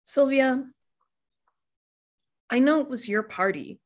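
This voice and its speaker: A woman's voice: high-pitched, slow, voice pushed up. A woman voicing a responsible, weary adult cousin, patient and mildly exasperated.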